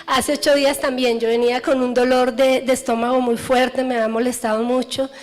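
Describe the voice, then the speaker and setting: Woman, high voice, church testimony, earnest, lively. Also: fairly quick. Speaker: church member giving testimony. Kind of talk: personal testimony.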